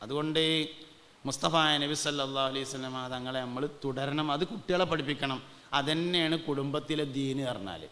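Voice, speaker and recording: A male preacher, giving a storytelling sermon and now and then slowing into chanted devotional verses. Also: medium pitch, a bit bright, long reverb tail, slight background noise. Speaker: Islamic preacher.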